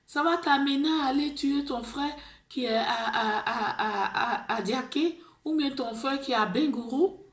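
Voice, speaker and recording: In a roomy-sounding space, this Ivorian woman's voice sits high and fairly bright as she speaks unhurriedly. The video blogger, with her Ivorian French accent, pleads passionately through a monologue, going over the same points and restarting words.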